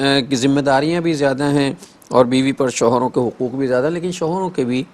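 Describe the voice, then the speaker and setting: A male host of a religious TV talk show who speaks conversationally, explains things calmly and addresses the viewers directly. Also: fairly high pitch.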